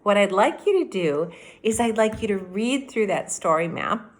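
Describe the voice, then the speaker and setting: In a small room at home by a window, a teacher in her fifties reads a storybook aloud to children. Her medium-pitched voice is expressive and dramatic at a normal speed, and she adds explanatory asides.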